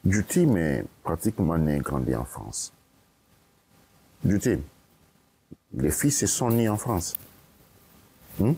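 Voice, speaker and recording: This Italian man, a guest speaker, answers interview questions like a lecture, emphatically going over his points again and asking "ok?" often. His voice sits low and is warm and husky, with a slow, sing-song delivery and long pauses.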